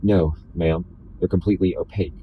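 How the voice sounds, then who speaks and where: A man voicing a polite, starstruck middle-aged male chauffeur in a plain, deadpan novel reading. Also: sits low, a little fast, phone-quality sound, slight background noise, lightly acted.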